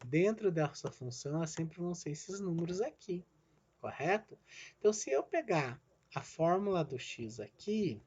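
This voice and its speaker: Slightly high-voiced man teaching a lesson. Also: sing-song, moderate pace, darkish tone, breathy edge, lo-fi sound. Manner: explains step by step, asks "né?" and "certo?" after each point; calls himself "the teacher" in the third person. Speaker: physics teacher. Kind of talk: recorded online lesson at a drawing screen.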